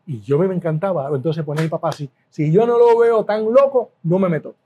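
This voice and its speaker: A middle-aged man with a Puerto Rican accent, a food business owner telling stories as an interview guest, animated and repeating words for emphasis. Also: a little high, quick pace, breathy edge, lo-fi sound. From Puerto Rico. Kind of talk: casual interview storytelling.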